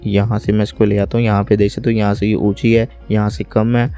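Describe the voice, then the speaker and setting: A man narrates a screen-recorded software lesson from his computer. His voice sits low and dark, with little rise and fall, and he moves calmly from step to step. Soft music plays faintly beneath him. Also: brisk, clean tone. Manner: calm, step-by-step, often says "friends". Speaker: software tutorial host.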